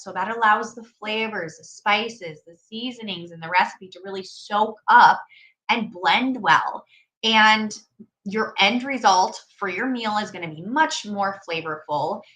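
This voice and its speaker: Bright, upbeat woman chatting casually. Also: mid-range voice, unhurried. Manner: chatty, upbeat, many fillers. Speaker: podcast host. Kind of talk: casual solo chat.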